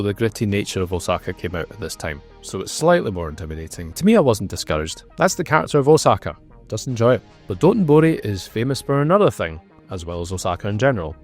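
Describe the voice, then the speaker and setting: Guy in his 30s doing travel vlog voiceover, lowish voice, really bouncy pitch, sarcastic little asides. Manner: wry, sarcastic asides with playful emphasis. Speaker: travel vlogger.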